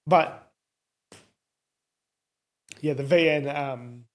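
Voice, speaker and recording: A man's voice: a little high, extremely slow. Australian man with a broad accent. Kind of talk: casual car chat.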